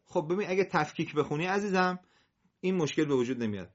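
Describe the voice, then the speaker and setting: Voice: medium pitch, animated. Patient quran teacher, sounds words out bit by bit, lo-fi muffled audio. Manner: patient, spells words out syllable by syllable. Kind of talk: recitation lesson with a student.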